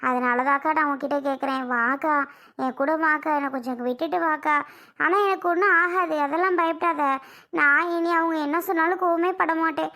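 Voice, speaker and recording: A young mother in a homemade family drama, anxious and insistent as she begs to be taken back to her child, played by a woman. Her voice sits very high and stays pleading and worried throughout. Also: steady tone, brisk, sharp tone. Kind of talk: amateur family drama skit.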